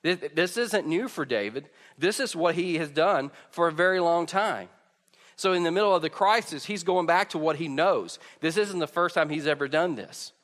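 A man's voice: fairly high pitch, moderate pace, fairly bright tone. A man preaching conversationally at a pulpit microphone, informal, often stammering over the starts of his phrases. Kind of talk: conversational sermon to a congregation. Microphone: pulpit or stage microphone over PA. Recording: echoey hall with long reverb.

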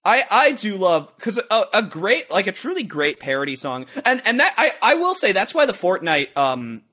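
Excitable young man with a high, bright voice. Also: moderate pace. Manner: rambling, excitable, swears, bursts into shouted quotes. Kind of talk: casual chat.

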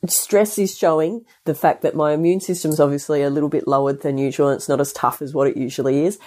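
Fast-talking in a low, slightly mellow voice with fairly even intonation, a woman hosts her podcast alone while nursing a stuffy head cold. She's a health practitioner, and her chatty talk rambles through restarts and asides.

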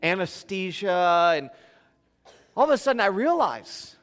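A man preaching a sermon as pastor, telling stories with animated swings between loud emphasis and quiet asides. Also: high voice, measured pace, in a large hall.

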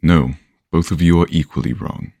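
Man doing an old wry storyteller, very deep voice, unhurried, knowing, gently lecturing, dry close sound. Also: no room sound. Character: older wry storyteller, patient and teasing.

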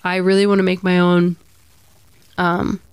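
A woman's voice: fairly low pitch, completely flat delivery, measured pace, clean tone, no echo. A woman co-hosting a casual chat podcast, frank and opinionated with a wry edge. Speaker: podcast co-host.

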